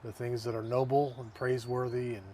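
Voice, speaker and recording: A man's voice: medium pitch, little pitch movement, brisk, warm tone, slight background noise. Chatty male talk show host. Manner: chatty, repeats words while searching. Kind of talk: casual interview.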